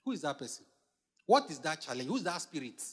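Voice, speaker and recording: A man's voice: on the high side, very animated, quick pace, breathy edge. A man preaching a sermon, emphatic, repeating phrases and putting questions to the congregation. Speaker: pastor. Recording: long hall reverb.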